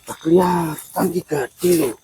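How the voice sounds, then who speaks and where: A man, soft and hesitant in his halting speech, met outdoors at night. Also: a little high, gravelly, background noise.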